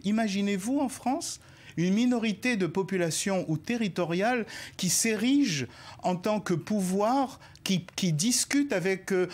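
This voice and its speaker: A man speaking as a guest in a TV news debate, formal and assertive with an indignant edge. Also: fairly high pitch. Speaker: panel guest.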